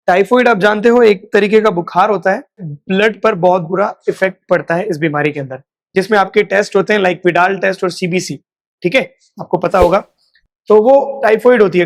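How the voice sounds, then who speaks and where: A man teaching in Hindi. He explains each point and then repeats the phrases slowly for drilling. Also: sits high. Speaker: English teacher. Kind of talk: classroom lesson.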